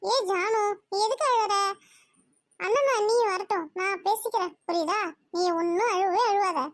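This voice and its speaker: A woman's voice: very high voice, normal speed, dry recording, clean studio sound. A woman voicing a fussy middle-aged mother in a cartoon, bossy and doting as she pushes a match. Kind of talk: Tamil cartoon voice acting.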